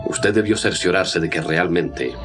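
Sinister killer villain, very deep. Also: male voice, unhurried. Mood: gloating threat. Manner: sinister, taunting, mock-courteous, slasher-killer menace. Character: gloating male criminal mastermind, a menacing killer with a revolver. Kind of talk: old-fashioned radio serial villain acting. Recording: loud music under the voice.

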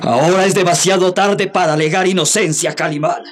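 An actor playing a dutiful, stern police captain in a radio serial, formal and commanding. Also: male voice, sits high, fairly even intonation, a little fast, close to an everyday voice. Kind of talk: radio serial melodrama acting. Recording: dramatic music behind the voice.

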